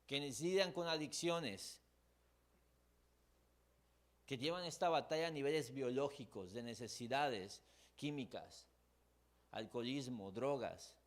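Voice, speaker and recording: Emotive Mexican pastor preaching. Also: male voice, mid-range voice, takes it slowly, pauses often. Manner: emotive, acts out his listeners' struggles. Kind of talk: sermon.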